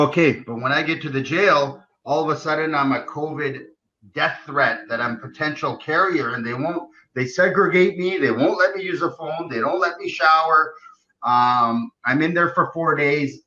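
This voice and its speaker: A man's voice: a little high, pushed and bright. A middle-aged man telling his own story on a live stream, agitated and indignant, acting out what others said to him. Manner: agitated, indignant retelling with quoted dialogue. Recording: dull lo-fi stream audio.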